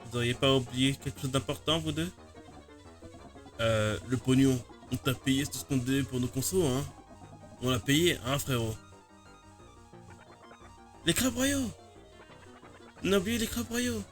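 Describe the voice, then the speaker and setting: A man voicing a pair of whining, hungover male drinking brothers in a high voice. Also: steady tone, moderate pace, faint music behind, natural voice. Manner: whining, panicky.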